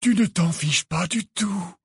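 Dumbledore: a man doing a calm old wizard, high and slow. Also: husky, dry recording, clean studio sound, heavily acted. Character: old wise headmaster wizard, unshakably calm. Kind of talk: audiobook character voice.

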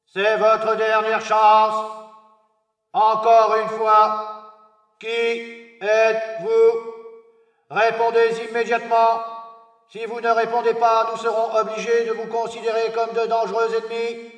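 A high, flat, commanding male voice , as an actor plays it, barks orders from a hidden loudspeaker in a storybook recording. He speaks in slow, measured, threatening words. The sound is distant and echoes through a long hall, with music underneath. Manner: stern, commanding, slow and deliberate. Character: menacing male voice of mission control over a loudspeaker.

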